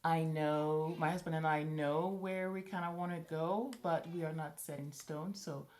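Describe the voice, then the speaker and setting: Chatty low-voiced woman vlogger. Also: fairly even intonation, normal speed, darkish tone. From Morocco. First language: French. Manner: chatty, thinking aloud with restarts. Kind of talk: casual talk to camera.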